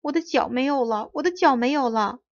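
A woman's voice: a little high, fairly quick, dry recording, muffled recording. A woman voicing a hungry, pitiful wooden puppet boy who pleads and whimpers, in a storybook reading. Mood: tearful.

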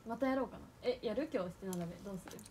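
A woman's voice: mid-range voice, very fast, darkish tone, slight background noise. A young woman on an idol livestream, easygoing, asking short questions and reacting briefly. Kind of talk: casual livestream chat.

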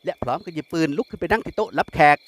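A man's voice: high voice, lively intonation, rapid-fire, a bit bright, breathy edge, no echo. Man reading a novel aloud. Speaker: audiobook narrator. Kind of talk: scripted narration of a novel.

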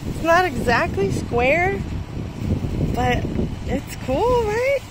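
A young woman hosts a sailing DIY vlog from inside a sailboat cabin, narrating casually in a chatty, upbeat way and laughing often. Her voice is very high-pitched, sing-song, and slow. The recording is very noisy, with music playing behind her.

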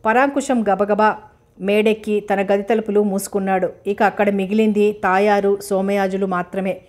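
A woman narrating a novel as an audiobook in a steady, measured reading style. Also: medium pitch.

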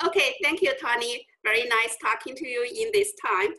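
A woman's voice: moderate pace, rough recording. A woman in her forties from China with a Chinese accent, a scholar answering interview questions earnestly over a video call. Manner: earnest and reflective, lively pitch swings. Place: indoor room with bookshelves.

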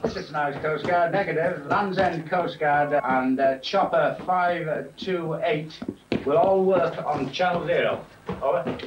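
A man's voice: fairly high pitch, measured pace, far from the mic. A man working as a coastguard radio operator, heard over a marine radio transmission, giving clipped procedural calls that end with "over". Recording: noisy, muffled, echoey radio from afar.

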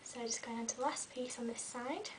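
A young beauty vlogger with a cold chats as she curls her hair, her fairly high voice slightly croaky and full of ums. Sitting back from the webcam in a small bedroom strung with fairy lights, she sounds a bit distant over a faint hiss. She talks briskly.

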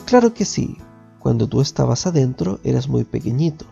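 A man voicing a gentle, smiling mother in a storybook reading. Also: medium pitch, big pitch swings, normal speed, gravelly, highs cut off, faint music behind. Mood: tender.

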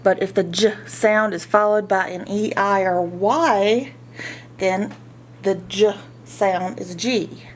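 A woman gives a phonics lesson at a very slow pace, breaking words into syllables and single sounds. Her pitch is average for a woman. There is clear noise in the recording. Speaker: phonics teacher.

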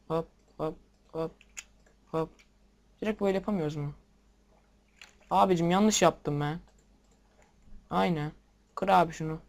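Excitable young man commenting on a game. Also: on the high side, gravelly. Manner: excitable, swears at the game, talks to viewers. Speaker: gameplay video maker. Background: keyboard and mouse clicks.

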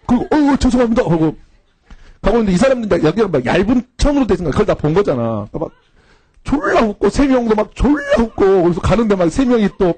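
Male cram-school teacher, casual and slangy storyteller, expressive swooping delivery, husky tone. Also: sits high, quick pace, dry recording. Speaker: cram school English instructor. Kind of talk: anecdotal classroom storytelling.

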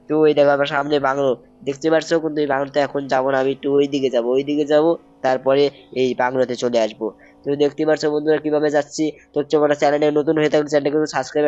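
A young man giving excited gameplay commentary, repeating himself and calling out to viewers. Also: on the high side, lo-fi sound. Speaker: gaming YouTuber.

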